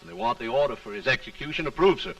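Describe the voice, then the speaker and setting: Creaky, dutiful army colonel, early talkie film. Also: male voice, on the high side, wildly swooping pitch, racing, dry recording, full character voice. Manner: clipped, military, deferential. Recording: distant early 1930s film soundtrack.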